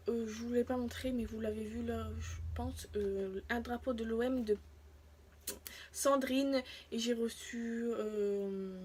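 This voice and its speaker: A woman's voice: on the high side, background noise. A woman vlogging casually to her followers, rambling and interrupting herself as she goes, often trailing off. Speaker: vlogger showing free samples she received. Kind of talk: casual chatty video to followers.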